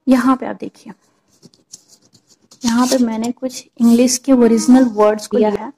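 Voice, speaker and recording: A woman's voice: fairly high pitch, fairly even intonation, normal speed, mellow, a little hiss or hum. A woman patiently explaining English pronunciation to viewers, repeating points and checking in with them. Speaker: teacher.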